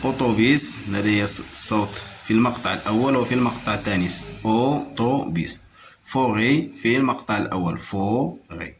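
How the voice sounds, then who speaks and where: A man teaching a lesson to young pupils. He repeats each word slowly, counts out its syllables and switches between French and Arabic to explain. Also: lowish voice, slight background noise. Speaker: primary school French teacher. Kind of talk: slow classroom-style lesson.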